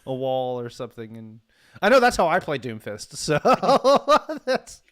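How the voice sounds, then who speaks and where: A man's voice: mid-range voice, sing-song, normal speed, clear, resonant tone. A man co-hosting a casual esports podcast, joking and teasing his co-hosts. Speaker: podcast co-host. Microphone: webcam setup at home.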